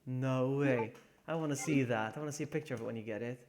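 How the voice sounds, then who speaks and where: A young man with a medium-pitched voice talks quickly while live-streaming gameplay, background noise and game music audible. Chatting casually with his viewers, he laughs frequently, reads out and answers chat, and mutters to himself mid-game.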